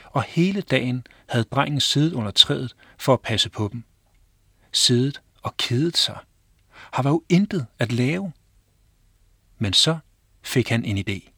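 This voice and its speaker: A man reading his own children's story aloud, calm and clear storytelling. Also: mid-range voice, long pauses, dry recording, clean studio sound.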